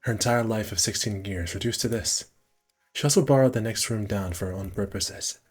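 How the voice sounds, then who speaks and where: A fairly low male voice with a breathy edge, going a little fast, reads visual novel narration aloud on a casual stream. He corrects himself with muttered asides, and soft music plays in the background.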